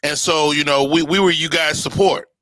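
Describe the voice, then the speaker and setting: A man hosting a casual live show, chatting informally with upbeat, slangy shout-outs. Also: on the high side, steady tone, normal speed. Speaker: show host.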